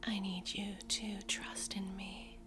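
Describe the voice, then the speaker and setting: Slow woman whispering right in your ear. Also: medium pitch, flat delivery. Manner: very slow, seductive, soothing commands. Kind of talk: whispered ASMR hypnosis role-play. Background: music with singing bowl tones.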